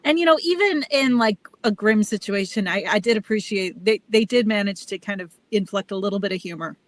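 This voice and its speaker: A woman's voice: mid-range voice, a little fast. A woman co-hosting in casual chat, rambling and conversational while getting over a cold. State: has a cold. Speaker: podcast co-host.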